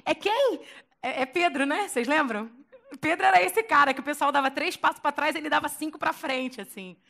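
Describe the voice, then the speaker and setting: Bright, high-voiced Brazilian woman preacher. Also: brisk, gravelly. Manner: playful, slangy, acts out scenes. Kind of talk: lively storytelling sermon.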